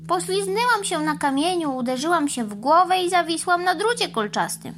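A plaintive mother cow from a children's storybook, lowing and pleading as she talks about her injuries, as a woman reads her. Her voice sits very high and thin, well above an ordinary speaking voice. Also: animated, normal speed, fairly bright tone, slight background noise. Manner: lowing "moo" interjections, plaintive.

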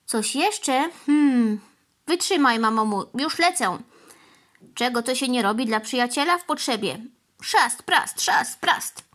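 A woman's voice: sits high, animated, a bit bright, full character voice. A woman voicing a fussy, greedy male crow who squawks "kra" in a children's storybook reading. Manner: squawks "kra", brisk quick retorts.

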